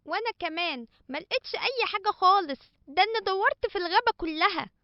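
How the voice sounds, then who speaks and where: Woman playing a cartoon squirrel, very high, quick, blunt, suspicious. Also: expressive, no echo. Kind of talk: cartoon voice acting. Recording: slightly dull audio.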